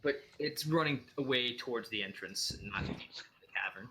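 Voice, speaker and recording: A man narrating a tabletop role-playing game as dungeon master, relaxed and full of fillers and restarts. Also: mid-range voice, moderate pace, background noise.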